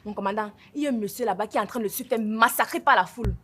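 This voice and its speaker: An actress plays a gendarme bursting in with alarming news for her commander. She talks quickly in a fairly high voice. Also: close to an everyday voice. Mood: urgent. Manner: urgent, hurried report. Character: hurried gendarme bringing urgent news. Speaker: gendarme reporting an incident.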